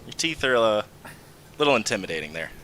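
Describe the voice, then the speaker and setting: A man's voice: on the low side, very animated, a little fast, bright, forceful tone, a little hiss or hum. A man playing a tabletop role-playing game, questioning other characters in a wry way. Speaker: player.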